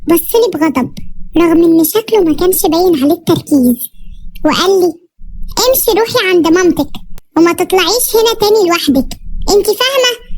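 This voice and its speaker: Very high-voiced Egyptian Arabic storyteller. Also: female voice, darkish tone, slight background noise. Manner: fearful, tearful girl's telling. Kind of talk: first-person storytelling of a cartoon story.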